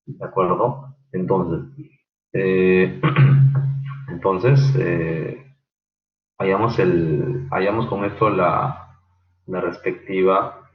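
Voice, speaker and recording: Low-voiced lecturer on a tinny line. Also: male voice, reverberant. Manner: halting, many fillers, quizzes students by name. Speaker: engineering lecturer. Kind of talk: online class lecture.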